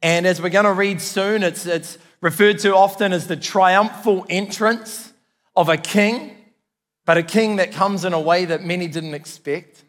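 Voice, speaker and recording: A church pastor with a New Zealand accent preaches a sermon to a congregation, earnest and emphatic, repeating phrases. His voice is high-pitched and a bit bright, with fairly even intonation and an unhurried pace, and long hall reverb surrounds it.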